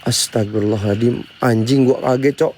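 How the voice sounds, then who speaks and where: A young man live-streams a ghost hunt, jumpy as he calls out to spirits and mutters prayers under his breath. His voice is medium-pitched, steady, and darkish, and he talks briskly.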